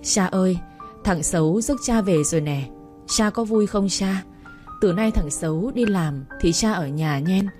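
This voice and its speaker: A woman's voice: on the low side, unhurried, a little mellow, faint music behind, natural voice. Woman reading as a grieving orphan lad. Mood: tearful. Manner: tearful, pleading prayer to his late father. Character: grieving orphaned young man, earnest, playful.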